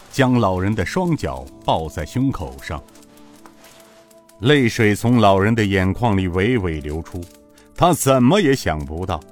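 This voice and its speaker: Lively-voiced male audiobook narrator. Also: lowish voice. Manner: expressive storytelling delivery. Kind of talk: audiobook narration of a martial-arts novel.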